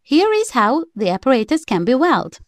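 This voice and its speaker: A woman's voice: sits high, big pitch swings, normal speed, soft background music. A woman reading a prepared script as the voice-over narrator of a DIY electronics tutorial, in plain, slightly stiff phrasing.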